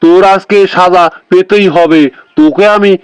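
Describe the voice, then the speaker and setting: A man's voice: high voice, fairly even intonation, moderate pace, no echo, lightly acted, poor audio. A man playing a fierce grumpy lion king. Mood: threatening. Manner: gruff and threatening.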